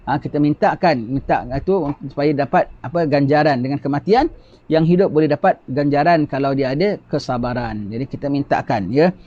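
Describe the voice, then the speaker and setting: Higher-voiced, mellow man teaching religion. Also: a little fast. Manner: explanatory, repeats key phrases, asks rhetorical questions. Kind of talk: religious lecture. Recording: dull lo-fi recording.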